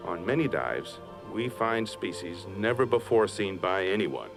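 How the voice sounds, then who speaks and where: A man's voice: deep voice, sing-song, measured pace, creaky. A man with an American accent, an oceanographer narrating a nature documentary from a script. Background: music.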